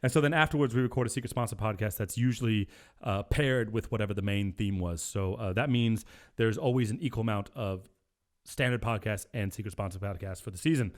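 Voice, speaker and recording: With a fairly low voice and a slightly quick delivery, this man co-hosts a podcast in a loose, profane, joking way. He trips over his words as he sight-reads a story aloud.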